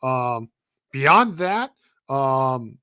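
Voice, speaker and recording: A man co-hosting a casual gaming podcast, chatty and animated, who laughs easily while plugging the show. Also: medium pitch, extremely slow, smooth, no echo, clean studio sound. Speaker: podcast co-host.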